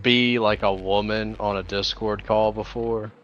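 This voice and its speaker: A man's voice: lowish voice, fairly even intonation, a little slow, a bit bright, muffled recording. A man in a casual voice-call chat, asking blunt questions in a rambling, hesitant way.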